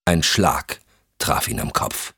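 A man narrating a thriller audiobook in a measured, suspenseful reading. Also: fairly bright tone, dry recording, studio quality.

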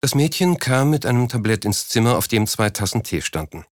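A man reading a story aloud in a steady, measured scripted narration. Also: medium pitch, dry recording, studio quality. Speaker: audiobook narrator.

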